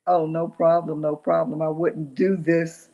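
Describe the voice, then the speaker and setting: A woman hosting an interview, speaking haltingly with many fillers and restarts. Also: low voice, little pitch movement. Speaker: interview host. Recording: dull lo-fi sound.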